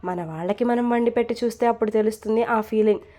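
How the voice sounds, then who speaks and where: A woman's voice: fairly high pitch, quick pace, warm tone, close to an everyday voice. A woman reading a storybook, voicing a fond, chatty middle-aged mother-in-law who scolds lightly. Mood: homely.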